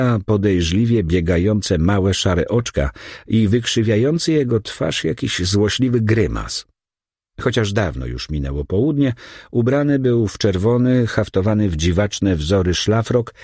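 Deep, husky male storyteller. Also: a little mellow, no echo, clean studio sound. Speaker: audiobook narrator. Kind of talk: scripted first-person narration.

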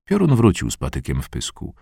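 Deep-voiced, expressive male narrator. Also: gravelly, slightly rough, no room sound, studio quality. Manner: measured, expressive reading. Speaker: audiobook narrator. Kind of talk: scripted narration.

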